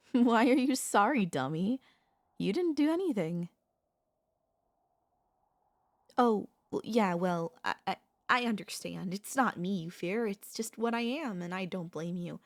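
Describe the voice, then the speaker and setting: A woman who works as a voice actor and vtuber plays a possessive, doting royal vampire mistress in an intimate ASMR audio roleplay. She speaks tenderly and teasingly in a halting way, with a creaky, mid-range voice and lively intonation.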